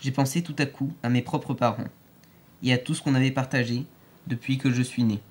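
A man's voice: medium pitch, fairly even intonation, fairly quick. Man narrating an audiobook.

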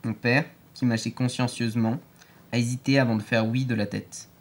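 Male audiobook narrator, mid-pitched voice, clear steady storytelling. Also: normal speed.

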